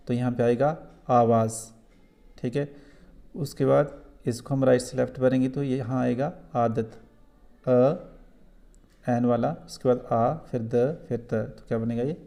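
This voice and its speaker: A man's voice: mid-range voice, steady tone, unhurried, gravelly, mellow. A man with a Kashmiri accent who teaches a school lesson, explaining answers patiently and repeating points for young students.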